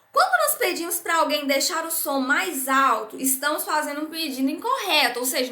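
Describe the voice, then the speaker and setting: A woman's voice: high voice, bright, forceful tone, reverberant. A woman teaching a primary school science class in Brazilian Portuguese, explaining patiently and checking in often with "né?" and "certo?". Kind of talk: recorded remote class lesson.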